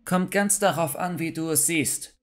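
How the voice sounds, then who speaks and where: Man doing a detached young woman, cold, flat, emotionless, horror story. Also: fairly high pitch, moderate pace, voice pushed up, natural voice.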